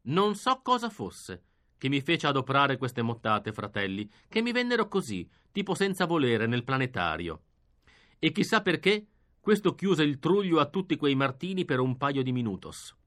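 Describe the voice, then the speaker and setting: A man reading an audiobook, narrating in a lively, expressive first-person style. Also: medium pitch, normal speed. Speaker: reader.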